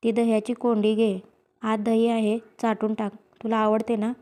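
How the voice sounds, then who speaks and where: A woman's voice: a little high, monotone, normal speed, dark tone, natural voice. A woman voicing a stern village mother in a storybook reading, speaking in a commanding, scolding way. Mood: coaxing.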